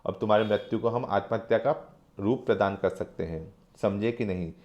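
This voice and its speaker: A man's voice: a little high, expressive, unhurried, dull audio, voice pushed up. A man voicing a cruel, scheming male official in a play who taunts and barks orders. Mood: mocking.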